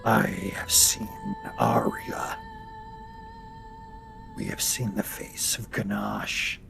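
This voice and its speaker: A man voicing a grieving, weary fantasy warrior in a tabletop game, making halting, grave declarations. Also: lowish voice, wildly swooping pitch, gravelly, music in the background, exaggerated voice.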